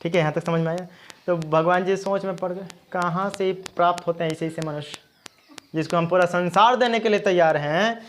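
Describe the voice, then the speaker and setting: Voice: mid-range voice, a little fast, slight background noise. Chatty storyteller. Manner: lively, chatty, checking in with listeners. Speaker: teacher telling a story. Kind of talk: classroom folk-tale storytelling.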